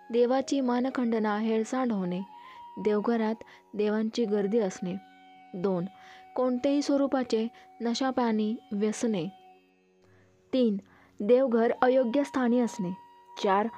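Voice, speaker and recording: A woman with a slightly high, mellow voice reads a devotional list very slowly and steadily. Each numbered point comes at the same measured pace. Soft music plays faintly underneath. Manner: measured, even item-by-item recitation. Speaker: devotional narrator.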